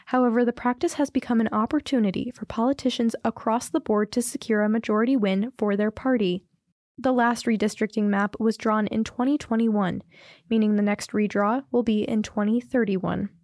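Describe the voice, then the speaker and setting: Woman, radio correspondent, scripted report, steady, higher pitch, dry. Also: normal speed, no echo. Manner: steady read delivery.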